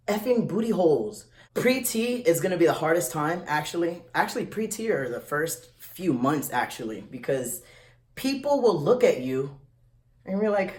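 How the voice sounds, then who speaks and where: Blunt, animated young man vlogging. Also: high voice. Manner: animated, blunt, slangy, with frequent restarts. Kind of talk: casual advice vlog. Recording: echoey room.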